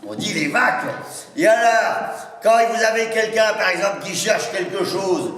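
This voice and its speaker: A stage comedian with a Norman accent and a high-pitched, fairly bright voice performs a folksy, teasing stand-up monologue at a moderate pace, loaded with interjections and rural slang. He plays to a live audience in a large indoor hall, and the recording is echoey and made from far off.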